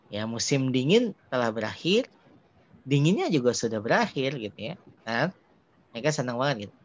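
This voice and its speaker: A man teaching an Arabic dialogue lesson in a relaxed, chatty way, often ending phrases with casual fillers. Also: mid-range voice. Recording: muffled lo-fi sound with faint background hiss.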